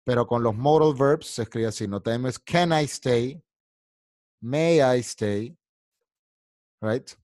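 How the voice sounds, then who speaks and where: Brief: bilingual male teacher, mid pitch, dry sound, patient step-by-step explainer on a video call. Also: takes it slowly, long pauses, darkish tone, dry recording. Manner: explains patiently, mixing Spanish and English. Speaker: English teacher. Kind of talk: online English class.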